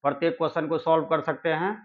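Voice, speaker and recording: A man leads an exam-prep grammar class, his voice pitched a little high. He goes through examples one by one, repeating them for his students. The recording is muffled and lo-fi. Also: flat delivery, quick pace. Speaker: teacher.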